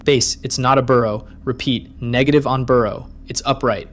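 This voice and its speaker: A man's voice: mid-range voice, fairly even intonation, normal speed, faint music behind, voice pushed up. A man voicing a soldier on perimeter guard duty, calling in over a walkie-talkie radio in clipped radio procedure. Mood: tense.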